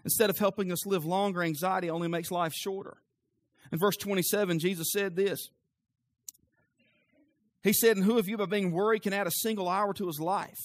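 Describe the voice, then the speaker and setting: A young adult man preaching a sermon in a church, moving from calm teaching to loud, fervent preaching. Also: sits high, brisk. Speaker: pastor.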